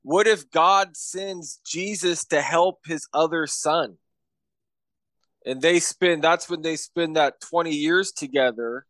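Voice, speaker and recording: A man's voice: fairly high pitch, takes it slowly, fairly bright tone, dry recording. A man co-hosting a podcast, tossing out ideas in a loose, musing way. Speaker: podcast co-host. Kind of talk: casual brainstorming chat.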